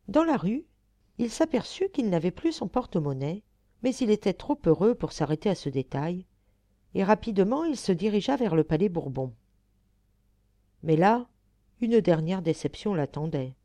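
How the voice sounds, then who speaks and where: A woman narrating a humorous short story as an audiobook reader, in steady, measured storytelling. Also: lowish voice, no echo. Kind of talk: scripted narration.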